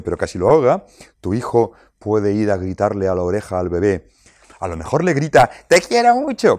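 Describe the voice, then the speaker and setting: A man explaining child rearing to parents in a lively way, asking rhetorical questions and acting out quotes. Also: lowish voice, dry recording, clean studio sound.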